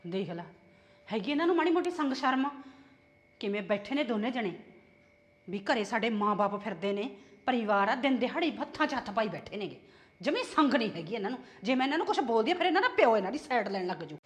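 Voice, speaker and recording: A woman playing a sharp-tongued, nagging middle-aged mother-in-law from Punjab in a village drama. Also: high-pitched, very animated, rapid-fire. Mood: muttering. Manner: scolding, taunting. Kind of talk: amateur village drama acting.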